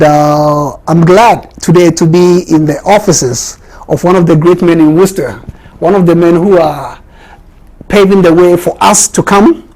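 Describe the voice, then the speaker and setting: A man's voice: a little high, a little mellow, low-quality recording. A man from Ghana hosting an interview, often repeating words and restarting his sentences. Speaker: host.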